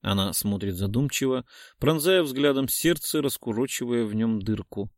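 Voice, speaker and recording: A man narrating a romance audiobook in a steady, intimate reading style. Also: mid-range voice, normal speed, dry recording, studio quality. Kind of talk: scripted narration.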